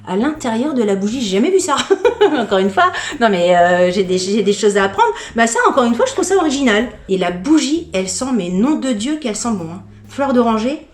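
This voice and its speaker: A fairly high-voiced woman chatting away in a casual unboxing, candid and gushing, tripping over her words as she goes. Her voice rings around an echoey room. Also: brisk, faint music behind. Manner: gushing excitement. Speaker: lifestyle vlogger.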